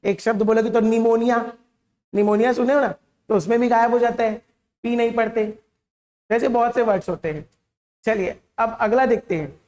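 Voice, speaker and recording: Female teacher, Hindi accent, a bit high-pitched, patient classroom delivery that repeats and checks in. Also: moderate pace, a little mellow. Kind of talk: classroom lesson.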